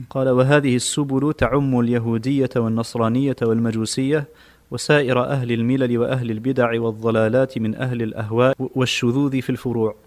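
A man reads classical texts aloud for a study session. His delivery is formal and measured, and he keeps a steady pace through long passages. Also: mid-range voice. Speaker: student reading texts aloud.

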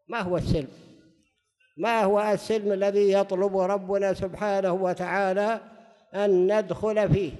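A man preaching a religious lesson, slowing to recite scripture and posing and answering his own questions. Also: sits high, a little mellow. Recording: long reverb hall.

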